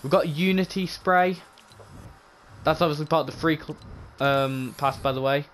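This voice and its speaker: A man giving casual, rambling commentary on game items, often repeating himself, with a voice going hoarse. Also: on the high side, moderate pace, fairly bright tone, a little hiss or hum. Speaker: gaming channel host.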